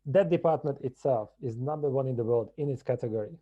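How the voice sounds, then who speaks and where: A man from Hungary, a podcast guest telling his story in a measured, reflective way. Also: mid-range voice, mellow, highs cut off. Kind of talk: podcast interview.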